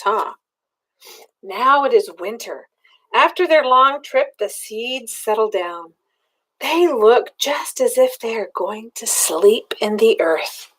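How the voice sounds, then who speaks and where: In a high voice captured on a low-quality recording, a grandmotherly older woman reads a picture book aloud. She brings expression to it and asks her small listener easy questions in a child-directed tone.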